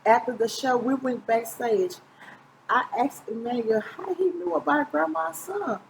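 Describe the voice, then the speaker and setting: In a low-quality recording with a little hiss or hum, a middle-aged woman reads a children's picture book in a small indoor room, close to the camera. Her high, creaky voice is unhurried, and her casual read-aloud includes occasional stumbles she corrects.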